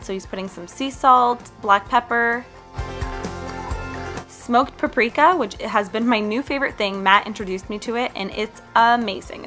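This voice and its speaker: Faint music sits behind the voice of a young Canadian healthy food vlogger, whose tone is sharp and pitch a little high. In a casual, upbeat voice-over, she chats and recommends foods directly.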